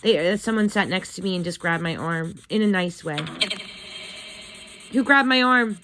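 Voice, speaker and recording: A woman hosting a spirit box session, talking casually in a gentle, chatty, coaxing way as she asks questions. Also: mid-range voice, moderate pace, a little hiss or hum.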